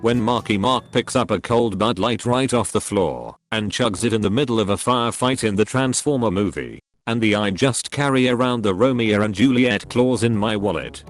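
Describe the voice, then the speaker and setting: A man with a fairly low voice reads online posts aloud as a narrator, keeping a steady, even pace from one post to the next. Soft music plays quietly underneath him. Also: normal speed, few pauses.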